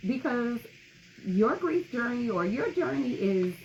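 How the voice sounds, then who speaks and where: A woman's voice: fairly high pitch, expressive, a little slow. A woman co-hosts a casual podcast conversation, speaking candidly and with emphasis. Her audio is a little dull and lo-fi, with a faint noise underneath. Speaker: podcast co-host.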